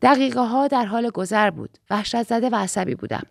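A woman reading a first-person novel aloud as an audiobook narrator, in a measured, steady storytelling manner. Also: a little high, vocal fry, no echo, studio quality.

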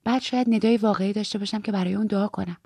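A woman's voice: mid-range voice, steady tone, a little mellow, husky, no room sound, studio quality. A woman reading as an earnest teenage girl in religious training, eager and confiding, sometimes dropping to a whisper. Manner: eager, confiding, drops to a whisper when fearful.

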